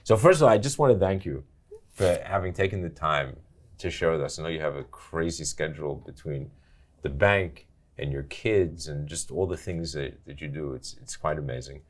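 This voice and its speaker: At a normal speed, an older male podcast host with a bass voice conducts an interview conversation, asking questions and responding with excited exclamations.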